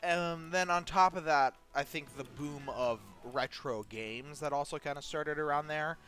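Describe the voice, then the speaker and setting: Gaming co-host, male, bright crisp voice, chatty, faint music behind. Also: a little high, a little slow. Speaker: co-host playing a game. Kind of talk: casual chat while playing.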